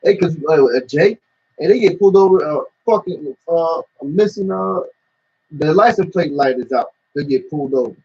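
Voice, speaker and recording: Husky man rambling in casual slang. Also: fairly high pitch, expressive, moderate pace, darkish tone. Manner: rambling storytelling with slang and profanity. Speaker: discussion participant. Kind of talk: casual religious discussion. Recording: dull lo-fi recording.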